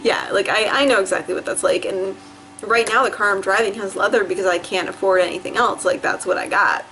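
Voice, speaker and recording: A woman's voice: medium pitch, fairly quick, gravelly, fairly bright tone, slight background noise. Profane, rambling young woman from New Jersey. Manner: profane, scattered, laughs often, mimics herself in quotes. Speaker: vlogger. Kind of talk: rambling personal vlog monologue. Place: indoors at home. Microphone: camera facing the speaker.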